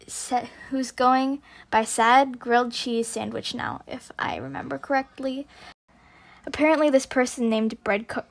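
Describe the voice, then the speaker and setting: A woman with a fairly high voice and a raspy edge narrates casual commentary for her videos. She speaks hesitantly, rambling a little and correcting herself as she goes. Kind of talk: casual commentary on online drama, loosely scripted.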